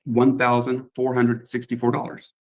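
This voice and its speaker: A hesitant man speaks formally to a judge, with a steady mid-range pitch, apologizing and filling pauses with ums. His voice comes through a video conference call that keeps breaking up and sounds faint and distant at times. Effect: choppy video conference call audio. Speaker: attorney for the landlord. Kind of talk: formal court hearing.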